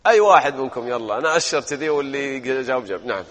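A man's voice: mid-range voice, lively intonation, very fast, a bit bright, long reverb tail. A male grammar teacher, drilling verb forms and quizzing his students in a classroom lesson.

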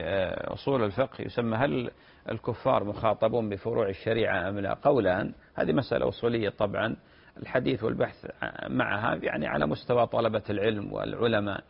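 A man, answering listeners' religious questions on a broadcast program in a measured, explanatory way that often repeats phrases. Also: medium pitch, gravelly. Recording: dull lo-fi broadcast audio.

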